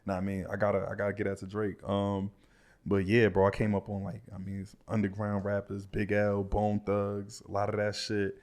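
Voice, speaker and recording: A man who raps, talking as a podcast guest in a loose, slangy way, his level drifting from mumbled to loud. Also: on the low side, monotone, normal speed. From New York. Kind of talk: casual chat.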